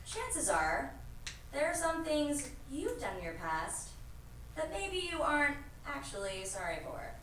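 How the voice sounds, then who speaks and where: A woman performing a live comic story, with a deadpan, confessional way of talking. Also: high voice, measured pace, a little hiss or hum. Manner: deadpan confessional, acts out dialogue. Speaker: stage storyteller. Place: performance stage. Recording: echoey room, far from mic.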